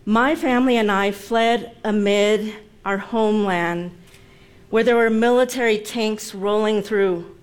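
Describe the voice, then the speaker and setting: Speaking at a medium pitch, this woman in her forties gives a prepared personal talk in a measured, emphatic manner. She was born in Vietnam, and Vietnamese is her native tongue.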